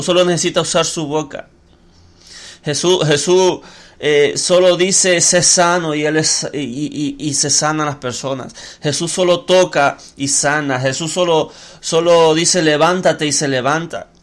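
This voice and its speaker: A man preaching a sermon on a podcast microphone, emphatic and repetitive, asking rhetorical questions. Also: fairly high pitch. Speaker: pastor.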